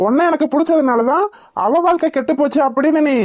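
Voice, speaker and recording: A woman's voice: high-pitched, fast talker, darkish tone, dry recording, clean studio sound, close to an everyday voice. A woman voicing a stern young husband in a cartoon, who scolds and lectures his wife. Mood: stern scolding. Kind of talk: cartoon voice acting.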